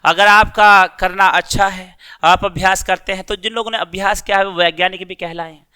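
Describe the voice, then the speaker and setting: A man's voice: high voice, fairly even intonation, moderate pace, sharp tone, clean tone. A man teaching a children's class, reading a story aloud and then explaining it in simple words. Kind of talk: reading and explaining a school lesson.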